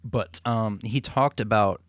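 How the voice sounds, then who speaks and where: Casting: male streamer, lowish voice, loose hesitant rambling chat, close dry mic. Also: slow, dry recording. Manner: rambling, hesitant, profanity-laced. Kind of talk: casual chat to a stream audience.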